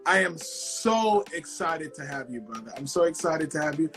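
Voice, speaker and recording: A man's voice: on the high side, expressive, moderate pace, fairly bright tone, faint music behind. A man hosting a casual interview, eager and enthusiastic, full of "like" and "you know". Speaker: host, life coach.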